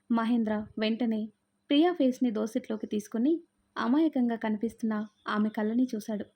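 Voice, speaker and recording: A woman storyteller reading a romance story in a steady, measured way. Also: on the high side. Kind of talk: scripted story narration. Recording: dull lo-fi sound.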